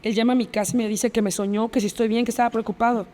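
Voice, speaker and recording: A woman's voice: on the high side, fairly even intonation, very fast, warm tone, big-room sound. A woman with a Mexican accent, a podcast interview guest telling a personal story in vivid detail and repeating phrases as she relives the scene. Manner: vivid retelling, reenacts past dialogue, repeats phrases.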